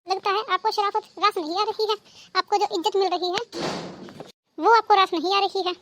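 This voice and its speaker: A woman's voice: extremely high pitch, fairly even intonation, a little fast, background noise. A woman voicing an indignant cartoon daughter-in-law. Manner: indignant, hurt. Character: hurt, defiant elder daughter-in-law. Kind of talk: cartoon dubbing.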